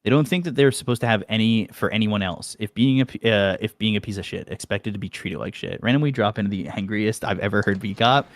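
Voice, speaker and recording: A man telling a story on a podcast in a heated, profane, animated rant. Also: lowish voice, fast talker, hardly any pauses, no echo.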